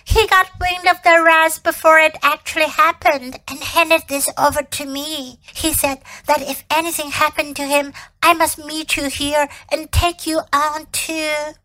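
A woman voicing a wary male beaver who speaks in a hoarse, throaty whisper, urgent and hushed. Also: high-pitched, little pitch movement, a little slow, few pauses, dry recording, poor audio.

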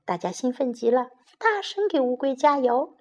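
A woman's voice: high voice, moderate pace, mellow. A woman narrating a bilingual children's story, telling it in Chinese and repeating the English lines.

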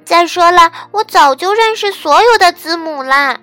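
Brief: a woman playing a squeaky, bright little bear cub girl, stubborn and easily riled, storybook reading. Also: animated, takes it slowly, no echo, soft background music, exaggerated voice. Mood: indignant. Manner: shrill and loud when protesting.

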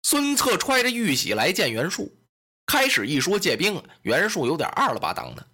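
Guy telling a historical tale, super animated, bright punchy voice. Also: high voice, moderate pace. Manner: animated, colloquial narration with vivid asides. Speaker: storyteller. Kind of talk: traditional storytelling performance.

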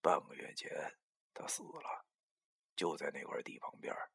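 Man doing a hushed, pleading middle-aged man. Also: extremely low pitch, wildly swooping pitch, moderate pace, voice pushed down, heavily acted. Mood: grim, hushed. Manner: soft, breathy near-whisper.

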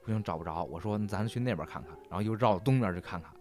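A man's voice: on the low side, racing, a little mellow. A young man telling a drinking story in casual podcast chat, swearing often and laughing through his punchlines.

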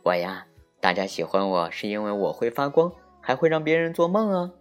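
A man voicing a gentle, smiling moon in a children's story. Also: lowish voice, fairly quick, faint music behind, natural voice.

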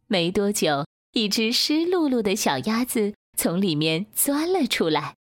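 A woman reading a children's bedtime story aloud in a slow, gentle storytelling manner. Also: mid-range voice, very animated, no echo, studio quality.

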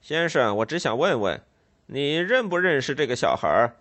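A man's voice: on the high side, very animated, moderate pace. A man voicing a cold, stern police constable who speaks curtly and firmly, unmoved. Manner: curt, unmoved, loud and firm.

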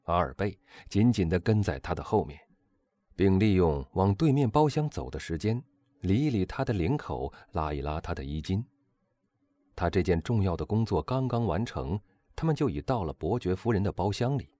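Guy reading an audiobook, low voice, animated delivery, dry close sound. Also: moderate pace, no room sound. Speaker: audiobook narrator. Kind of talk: scripted narration.

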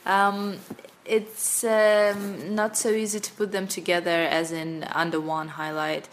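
A Russian woman with a Russian accent answers interview questions conversationally, reflecting on herself and pausing mid-thought. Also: medium pitch, little pitch movement. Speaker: interview guest.

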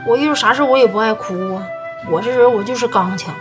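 一名女演员饰演一位要强倔犟的妻子，带东北口音，说话带着辩解。. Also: female voice, on the high side, fast talker, over music, close to an everyday voice. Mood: stubborn. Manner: stubborn, defensive. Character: stubborn proud married woman. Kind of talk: TV series acting.

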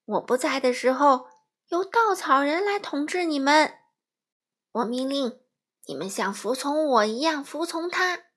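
A woman reading a storybook aloud, voicing a grand male wizard who calls out loudly from his balloon. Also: extremely high pitch, completely flat delivery, extremely slow, voice pushed up, heavily acted. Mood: proclaiming. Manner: loud, proclaiming.

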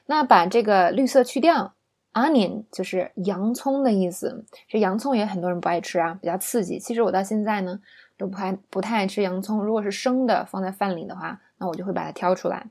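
A woman teaching English vocabulary in a chatty, casual lesson, saying each word slowly so listeners can repeat it. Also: mid-range voice, darkish tone. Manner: chatty, drills words slowly for repetition.

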